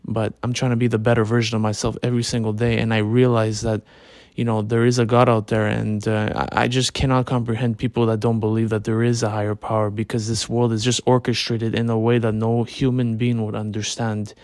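A man talking in a relaxed way, as if lying in bed, in a casual, reflective late-night monologue with informal slangy phrasing. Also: lowish voice, brisk, no room sound, studio quality. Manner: informal slangy talk with swearing. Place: in bed at home.

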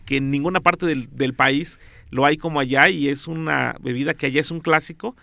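A man's voice: fairly high pitch, fairly even intonation, fairly quick, gravelly, pushed and bright, no room sound. A man with a Mexican accent hosting an interview, chatting in a friendly way and adding frequent affirming interjections. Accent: Mexican Spanish. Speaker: podcast host. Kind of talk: conversational interview.

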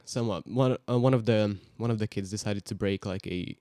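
Podcast guest, teen male, native Hungarian, low voice, dry sound, easygoing storyteller. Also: brisk, dry recording. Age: teens. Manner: relaxed, rambling storytelling with fillers. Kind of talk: casual podcast chat.

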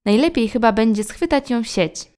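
A woman voicing a kind, resourceful magical mother who talks in a brisk, cheerful, fussing way. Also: fairly high pitch, animated, darkish tone, lightly acted.

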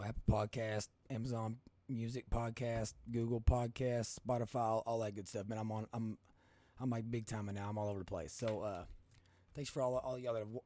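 Man, Kentucky accent, hoarse smoker's rasp, mid-pitched, folksy rambling podcast host, dry close sound. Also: warm tone, no echo. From Kentucky, United States. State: hoarse from coaching. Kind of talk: casual podcast monologue.

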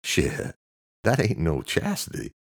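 A man with a very deep voice playing a wisecracking guy who talks like a thug, using street slang and pitching his voice up. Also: huge pitch swings, slow, exaggerated voice. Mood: mocking.

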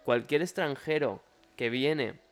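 A man with a Spain Spanish accent who hosts a podcast and tells stories in a jokey, animated way. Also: medium pitch, takes it slowly. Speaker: podcast host. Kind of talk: casual conversation.

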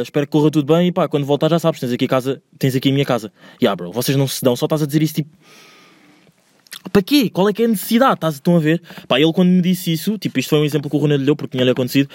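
A man's voice: on the high side, a little mellow, dry recording, clean studio sound. A young man with a European Portuguese accent hosting a solo podcast, rambling in slangy, casual talk and ranting with growing heat. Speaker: podcast host. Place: indoors, recorded alone at home.

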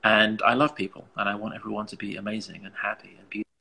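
Gravelly, low-voiced Englishman, thinking aloud. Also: little pitch movement, quick pace, pushed and bright, poor audio. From England. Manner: earnest, searching, thinks aloud in broken phrases. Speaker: interview guest, musician and artist. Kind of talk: reflective conversational interview.

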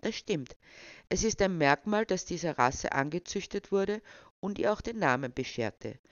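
A storyteller voicing a calm, friendly young woman with a dog, who speaks gently and encouragingly, on a dull, dry recording. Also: lowish voice, normal speed, dry recording, natural voice. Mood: gentle.

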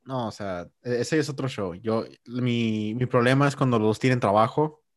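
A young man hosting a podcast, chatting casually and telling stories with lively slang. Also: mid-range voice, normal speed, no room sound, clean studio sound. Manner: animated storytelling with Mexican slang. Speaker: podcast host. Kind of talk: casual chat.

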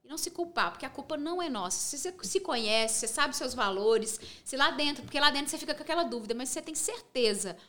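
A woman's voice: sits high, quick pace, few pauses. A woman from Minas Gerais with a Brazilian accent, a guest telling her story in a casual interview and acting out the dialogue. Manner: animated storytelling, acts out quoted dialogue. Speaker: guest, influencer.

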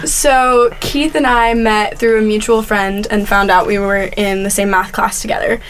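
A young woman from Southern California, a band's singer, telling how the band began in a relaxed, casual interview. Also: medium pitch, moderate pace, a little hiss or hum, low-quality recording. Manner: relaxed, uses fillers like "kind of".

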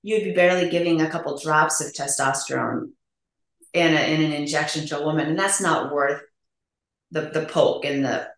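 A woman's voice: low voice, fairly even intonation. A woman clinician explaining testosterone treatment options plainly in a podcast interview, with a practical manner. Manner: explanatory, practical, quick to laugh. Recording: roomy echo.

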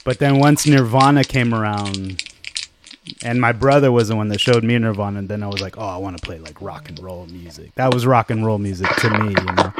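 A man's voice: on the low side, fairly quick, background noise. A man in his forties, a guest musician, chatting casually and rambling with lots of "like" and "you know". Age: 40s. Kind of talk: casual interview chat.

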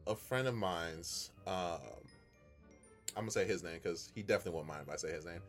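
A man's voice: deep voice, a little fast, faint music behind. A man co-hosting a casual podcast chat, telling a story earnestly with lots of restarts. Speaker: podcast co-host.

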